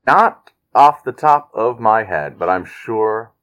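A man with a deep, low-pitched voice hosts a comedy podcast. He speaks casually, answering his co-host's jokes with dry, unhurried remarks. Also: lively intonation, a bit bright, clean tone. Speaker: podcast host.

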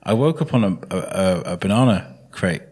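A man's voice: deep voice, expressive, moderate pace, a little mellow, a little hiss or hum. A man hosting a podcast in casual, informal, joking conversation. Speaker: podcast host. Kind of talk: casual chat.

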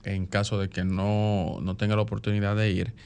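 A man weighs in on a radio panel. His low voice is smooth and resonant, and he speaks in a measured, deliberate way with some hesitant restarts. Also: level tone, a little mellow. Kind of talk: casual panel chat.

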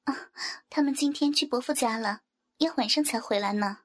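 Coy young woman voiced by a woman narrator, high soft voice, breathy, audio storybook. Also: moderate pace, close to an everyday voice.

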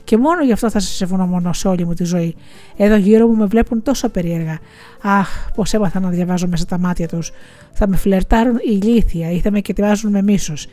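A woman reading as a widowed village schoolteacher pouring out a bitter, quiet confession in an audiobook. Her voice sits at a middling pitch with a mellow, dark tone, and faint music plays underneath. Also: lightly acted. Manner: quiet confessional, tearful, resentful.

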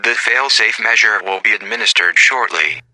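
A man voicing a metallic ship computer that makes slow, flat, calmly insistent announcements. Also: lowish voice, no room sound, rough recording. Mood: announcing. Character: monotone metallic pod computer voice.

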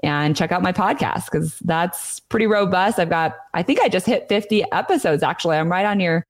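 Woman, low voice, chatty, conversational advice, interview guest, dry close sound. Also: lively intonation, fairly quick, no room sound. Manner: chatty, talkative. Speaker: podcast guest, nonprofit consultant.

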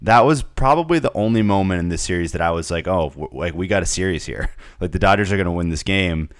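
A man's voice: sits low, dry recording, clean studio sound. A young man co-hosting a casual sports podcast, rambling with many fillers and repeated words. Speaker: podcast co-host.

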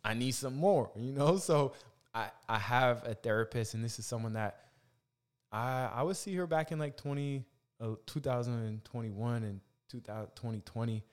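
A man's voice: medium pitch, normal speed. A man hosting a podcast in a casual motivational monologue, using Rasta-influenced slang, reflective and repeating phrases for emphasis. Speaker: podcast host.

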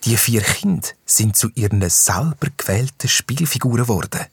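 A man with a Swiss accent narrating a children's story in an animated storyteller manner. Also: medium pitch, moderate pace, slight background noise.

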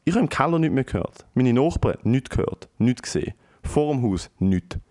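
Young man, Swiss German accent, middle pitch, animated storytelling, swears a lot, English slang. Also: normal speed. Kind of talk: casual storytelling chat.

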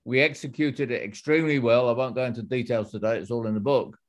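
A middle-aged author and one-time executive answers interview questions with measured explanations and frequent restarts. His mid-range voice stays fairly even in intonation.

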